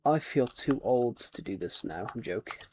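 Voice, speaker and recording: In a casual livestream, a British man plays a game and rambles while reading viewers' comments and names aloud. His medium-pitched voice is animated at a moderate pace, with a little hiss or hum present.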